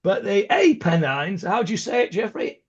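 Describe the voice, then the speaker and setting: A rabbi leads an informal online Talmud class over a video call, captured in dull lo-fi audio. His voice is high, very animated and slightly breathy at a normal speed, but he sounds hesitant, full of ums, restarts and chatty asides.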